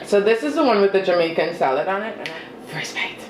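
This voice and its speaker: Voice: mid-range voice, lively intonation, brisk. A vlogger chatting casually while eating on camera, with chewing sounds and a chatty, self-deprecating manner. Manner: eats while talking, with chewing and mm-hmm sounds. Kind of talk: casual eating vlog chat. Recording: roomy with faint ambient noise.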